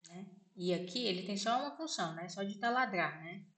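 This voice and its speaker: A Brazilian woman with a Brazilian Portuguese accent gives a casual spoken lesson, slowly repeating words and often checking with "né?". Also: medium pitch, lively intonation, fairly bright tone. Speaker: vlogger teaching vocabulary. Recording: echoey room.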